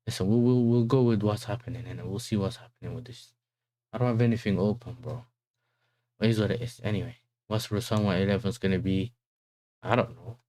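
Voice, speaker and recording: A man's voice: lowish voice, steady tone, a little fast, mellow. A man with an urban London roadman accent, hosting a casual football livestream in slangy talk full of tag questions. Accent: London, urban street style.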